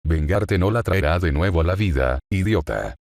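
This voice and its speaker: A man's voice: deep voice, expressive, moderate pace, vocal fry, darkish tone, dry recording, clean studio sound. A man voicing a cruel, taunting female fallen angel in a fan story reading, in a mocking, gloating manner.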